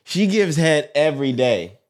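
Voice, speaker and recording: A man's voice: a little high, very animated, a little slow, a little mellow. A man co-hosting casual sports banter in a crude, slangy, profane frat-bro manner, joking around. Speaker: podcast co-host.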